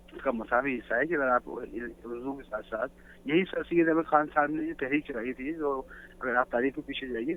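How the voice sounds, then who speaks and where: A man's voice: mid-range voice, slight background noise. A man calling in to a talk show, explaining his views earnestly in a lecturing way. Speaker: guest caller. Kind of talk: phone-in talk show discussion. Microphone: telephone. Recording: tinny phone line.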